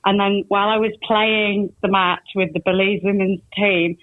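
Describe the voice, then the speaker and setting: A woman's voice: medium pitch, steady tone, moderate pace, dry recording. A woman telling chatty stories as a guest on a podcast interview. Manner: chatty storyteller. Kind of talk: casual interview chat. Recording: tinny phone line, dry.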